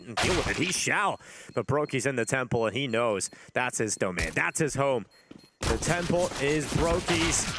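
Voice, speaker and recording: A man's voice: on the high side, a bit bright. Male esports caster over noisy gunfire. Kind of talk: esports match commentary.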